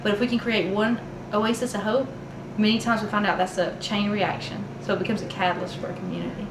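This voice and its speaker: A woman's voice: mid-range voice, level tone, fast. A woman relief organizer thanking a volunteer family, speaking earnestly and from the heart. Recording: echoey, distant, noisy.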